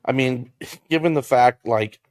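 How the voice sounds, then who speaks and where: A man's voice: mid-range voice, a little slow, no echo. A young man co-hosting a casual podcast chat, jokey and rambling, often trailing off mid-thought. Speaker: podcast co-host.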